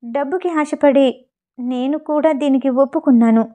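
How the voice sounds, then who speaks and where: A woman's voice: high voice, moderate pace, warm tone, lightly acted. A woman reading the lines of a scared young female hospital assistant who stammers out a confession. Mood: fearful. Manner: stammering, fearful.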